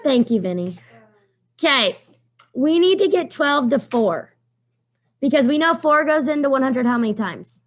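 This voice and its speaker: A slightly high-voiced woman teaches math in a classroom, explaining each step and calling on pupils by name. Her voice is wearing a little hoarse. The recording is dull and lo-fi. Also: expressive, moderate pace, pauses often. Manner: walks students through steps, calls on pupils by name. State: voice getting hoarse.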